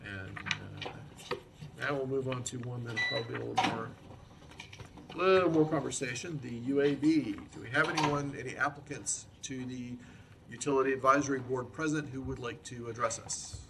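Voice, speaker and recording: A man chairing a public meeting, calling motions and votes in an informal, polite, halting way. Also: mid-range voice, gravelly, noisy background. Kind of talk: procedural meeting moderation.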